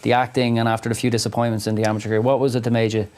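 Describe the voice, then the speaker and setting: A man's voice: medium pitch, flat delivery, rapid-fire, darkish tone, clean tone. A man interviewing two boxers, recapping their careers and steering with questions. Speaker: interviewer, sports presenter. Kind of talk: sports interview.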